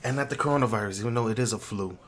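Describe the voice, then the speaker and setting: A man's voice: on the low side, racing, fairly bright tone, slight background noise. A man sick with the flu and a swollen throat, chatting casually and bluntly as a podcast co-host. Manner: blunt, freely swearing.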